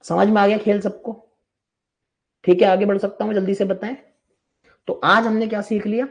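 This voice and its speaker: A man's voice: high voice, little pitch movement, moderate pace, vocal fry. A man teaching a live online maths class, chatty and reassuring but firm with students who interrupt.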